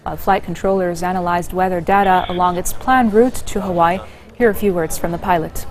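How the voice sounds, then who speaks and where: A woman news anchor reading scripted bulletins in a steady, measured way. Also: lowish voice, slight background noise.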